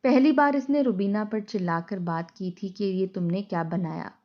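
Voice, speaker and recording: A woman narrating an emotional moral story in a steady, dramatic way. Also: mid-range voice, normal speed. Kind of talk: scripted narration. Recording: dull lo-fi recording.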